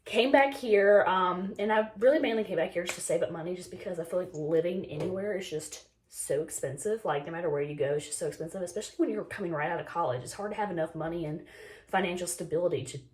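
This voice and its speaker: A North Carolina woman in her twenties talks fast in a voice on the low side. As a beauty vlogger, she chats casually through her makeup in a get-ready-with-me video, a bit sick and losing her voice, dropping "like" and "um" often.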